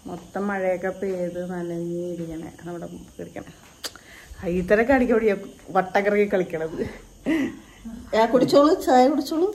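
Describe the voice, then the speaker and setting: A woman's voice: fairly low pitch, normal speed, a little mellow, slight background noise, rough recording. A woman with a Malayali accent chatting casually in a home vlog, coaxing a sleepy crying child in a sing-song way. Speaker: vlogger. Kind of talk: casual family vlog chat. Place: home in rainy evening.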